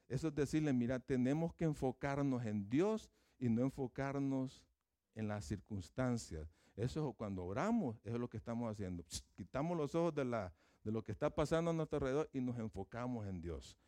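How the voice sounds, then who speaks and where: Male preacher, warm mellow tone, dry close sound, chatty sermon delivery with casual asides. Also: medium pitch, expressive, brisk, no room sound. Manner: conversational, with fillers and informal asides.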